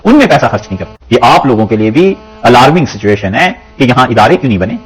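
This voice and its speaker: A man's voice: mid-range voice, big pitch swings, fast, husky, low-quality recording. A man teaching a Quran commentary, reciting verses and explaining them in plain talk, with stories and quoted lines along the way.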